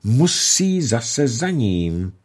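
A man's voice: mid-range voice, big pitch swings, pitched above the performer's own voice. A man reading the part of an older village blacksmith's wife who talks in a knowing, matter-of-fact way.

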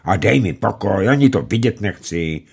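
Storybook granny, kindly and old, homely, gently chiding, voiced by a male reader; husky, low. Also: animated, full character voice. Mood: homely, gentle. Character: kindly old peasant grandmother.

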